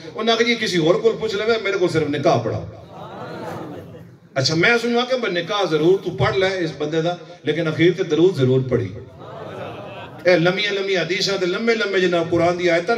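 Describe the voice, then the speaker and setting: Folksy preacher in an echoey hall. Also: male voice, high voice, fairly bright tone. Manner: folksy, mixes Punjabi phrases, asks listeners if they understand. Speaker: religious preacher. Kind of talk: sermon with storytelling. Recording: roomy echo, voice from a distance.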